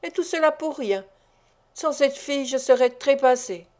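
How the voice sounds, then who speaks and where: A woman's voice: high-pitched, animated, moderate pace, a little mellow. Grumbling, menacing invalid thief, bitter and demanding, as a woman reads him in a storybook. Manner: growling, bitter.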